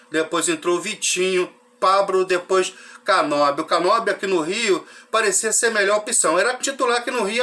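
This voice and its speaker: A football fan channel host from Rio recaps matches casually for fans, running through lineups and results in a loose, chatty way and often checking in with listeners through frequent "né?" tag questions. His high, bright voice has gone hoarse from a cold, with a dry cough lingering under it.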